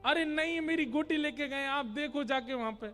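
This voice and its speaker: A man's voice: moderate pace, faint music behind. A man doing a tearful, pleading little village boy. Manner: tearful, pleading, high and loud. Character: small weeping village boy, innocent and insistent.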